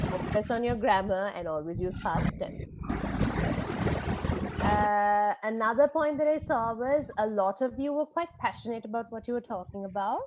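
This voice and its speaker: Unhurried woman teacher on a muffled call. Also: medium pitch, a little mellow. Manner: encouraging but frank, with many ums and laughs. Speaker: speech and drama teacher. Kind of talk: giving feedback on student presentations. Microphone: online video call. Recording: muffled video call with background noise.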